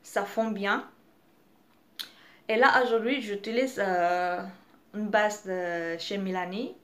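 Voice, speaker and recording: A young woman, French not her first language, talks slowly through a casual makeup review. She hesitates often, stopping on fillers and restarting her phrases. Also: mid-range voice, fairly even intonation, fairly bright tone. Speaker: beauty vlogger.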